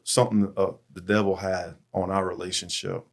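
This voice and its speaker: A man's voice: sits low, flat delivery, normal speed, vocal fry. A middle-aged man hosting a church men's podcast, telling stories in an earnest, heartfelt way. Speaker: podcast host.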